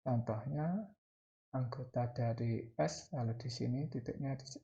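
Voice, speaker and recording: A man's voice: medium pitch, a little slow, vocal fry, mellow, highs cut off. A man with an Indonesian accent teaching mathematics step by step, dictating in short phrases and repeating key terms. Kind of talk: spoken math lesson, explaining step by step.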